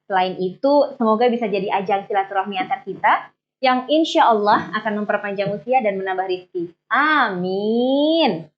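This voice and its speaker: A woman's voice: mid-range voice, normal speed. Friendly young woman hosting, lo-fi. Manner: friendly, polite and coaxing. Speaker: radio talk show host. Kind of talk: casual interview chat. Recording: dull lo-fi sound.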